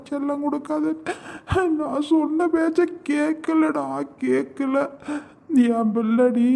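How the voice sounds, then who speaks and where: Cartoon role: a performer playing a devastated middle-aged dad, high and gravelly, wailing. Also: warm tone. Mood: anguished. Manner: sobbing, lamenting, creaky high voice. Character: grieving middle-aged father, heartbroken and wailing. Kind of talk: cartoon drama voice acting.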